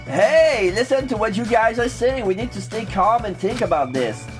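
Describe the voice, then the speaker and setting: A man's voice: sits high, animated, normal speed, faint music behind, voice pushed up. A man voicing a worried, earnestly reasoning student photographer from a video game.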